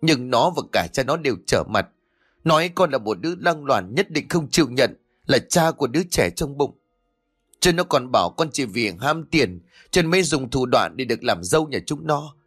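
A man's voice: sing-song, normal speed, fairly bright tone, slightly rough, no echo, studio quality, soft background music, exaggerated voice. A man voicing a grieving older village mother who wails and scolds in a raised voice. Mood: weeping. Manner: wailing, shrill.

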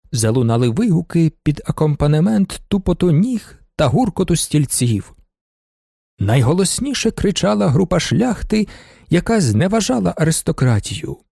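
A man reads a classic novel aloud with a fairly high, very lively delivery. The recording is dry and close, with no room sound. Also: moderate pace, creaky, breathy edge, no echo. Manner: expressive reading. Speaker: audiobook narrator. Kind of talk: literary audiobook narration.

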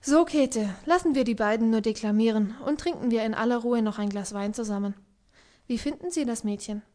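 A woman's voice: fairly high pitch, fairly quick, dark tone, lightly acted. A woman reading the part of an ironic, melancholy young baron in an audiobook, with a dry, subdued way of talking.

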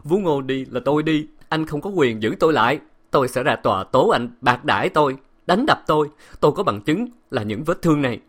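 A man voicing a desperate young wife who begs and pleads in a raised, high voice. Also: sing-song, a little fast. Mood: defiant.

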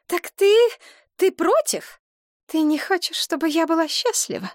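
A woman's voice: extremely high pitch, lively intonation, unhurried, no echo, studio quality, voice pushed up. A woman voicing an anxious, easily upset widowed mother who pleads shrilly and emotionally in an audiobook. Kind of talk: audiobook character reading.

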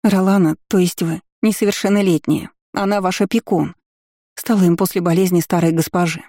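A woman's voice: fairly low pitch, steady tone, fairly quick, dark tone, no room sound, studio quality. Woman voicing a tearful timid young maid. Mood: pleading, tearful. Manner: sobbing, pleading, anxious.

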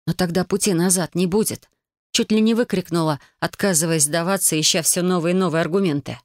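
A woman narrating a first-person novel as an audiobook, reading in a lively, expressive way. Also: fairly low pitch, fairly quick, no room sound, clean studio sound.

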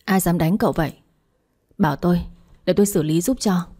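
A woman voicing a startled young man who worriedly asks after his friend's injury, in a low, mellow voice. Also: brisk, lightly acted. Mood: alarmed. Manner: startled, eager. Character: alarmed young man, eager loyal friend.

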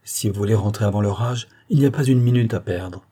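A man reading the part of a calm, resolute young nobleman in a novel, measured and steady. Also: on the low side, slightly rough. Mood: concerned.

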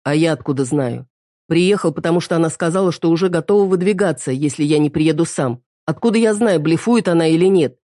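A woman's voice: low voice, a little fast, dark tone, dry recording, studio quality, lightly acted. A woman reading the lines of a harried father who pleads with his wife and daughter. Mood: pleading. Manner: pleading, defensive.

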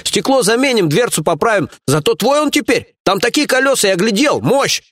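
A man's voice: high voice, sing-song, fairly quick, voice pushed up. A man reading an audiobook, voicing a cowardly henchman who fawns, whines and stammers to his boss. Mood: wheedling. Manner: wheedling, squealing, stammering. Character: cowardly male henchman, fawning and whining. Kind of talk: audiobook character voice.

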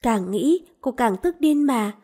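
A woman reads a romance novel aloud in calm, even storytelling. Her voice is mellow and sits a little high. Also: slow pace, slightly rough. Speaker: audiobook narrator. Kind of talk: scripted narration of a romance novel.

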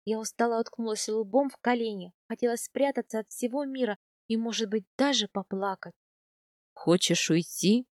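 A woman reading a first-person novel aloud, soft and intimate in tone. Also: on the high side, a little fast, no echo, studio quality. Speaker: audiobook narrator.

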